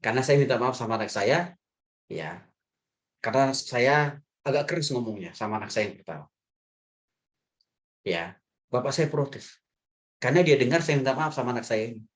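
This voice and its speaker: A male pastor giving a sermon in a lively, humorous way, chuckling often and addressing the men in the congregation directly. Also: medium pitch, normal speed, long pauses.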